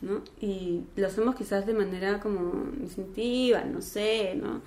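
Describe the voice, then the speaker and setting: A woman's voice: medium pitch, normal speed, a little mellow. A woman guest on a podcast, speaking in a reflective, conversational way and often ending her phrases with a questioning tag. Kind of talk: casual conversation.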